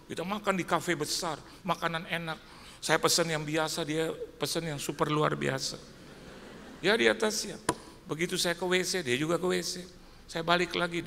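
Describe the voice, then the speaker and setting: A man delivers a sermon, acting out conversations and moving from hushed asides to loud outbursts. His voice sits a little high and rings bright and forceful. It echoes through a large church hall, with a faint hum of room noise behind him. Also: vocal fry. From Indonesia. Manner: animated storytelling, acts out dialogue, swings from hushed to loud. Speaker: pastor.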